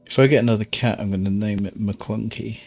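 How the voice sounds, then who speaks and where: A man's voice: fairly low pitch, steady tone, brisk, gravelly, darkish tone, soft background music. A man streaming a game, rambling and dry, with self-mocking asides. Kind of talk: live game-stream commentary. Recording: dull, dry stream audio.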